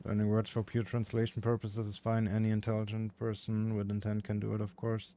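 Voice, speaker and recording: A man's voice: on the low side, completely flat delivery, fairly quick, mellow. A man with a German accent giving casual, chatty commentary while gaming, saying "like" often and swearing freely. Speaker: streamer.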